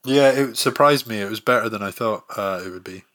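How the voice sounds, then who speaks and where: Male podcast host, lowish pitch, forceful bright tone, loose rambling chat. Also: a little fast. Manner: relaxed, rambling with many fillers.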